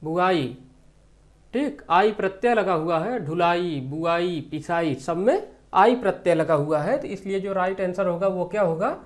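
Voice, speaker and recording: A man's voice: high-pitched, unhurried. A man teaching an exam-prep grammar lesson, asking questions and answering them himself, repeating the key terms.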